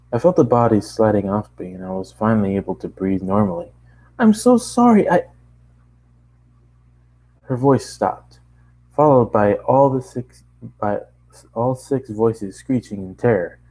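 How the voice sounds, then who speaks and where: A man's voice: fairly low pitch, warm tone, poor audio. A man casually reading a first-person story aloud, often stopping for asides and restarting lines. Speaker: narrator reading a fan story.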